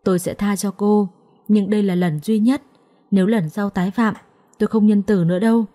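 A woman voicing a quick-witted young wife. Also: medium pitch, steady tone, dark tone, close to an everyday voice. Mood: firm. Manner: firm, quick retorts.

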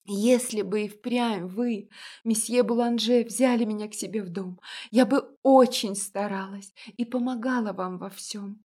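A woman voicing a shy, frightened young mother in an audiobook, speaking softly and timidly. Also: medium pitch, fairly even intonation, measured pace, close to an everyday voice. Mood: timid, grateful. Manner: soft and timid. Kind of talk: audiobook reading.

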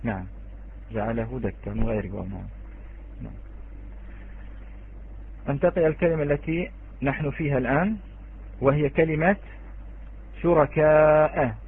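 A man teaching Quranic readings in an online lesson, speaking slowly, repeating key words and addressing his students directly. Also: medium pitch, husky. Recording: tinny phone-like online call.

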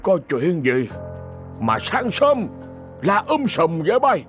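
A narrator voicing a gruff older grandfather. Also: high-pitched, huge pitch swings, loud music behind the voice, pitched above the performer's own voice, exaggerated voice. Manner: slow gruff drawl. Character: gruff old grandfather, blunt.

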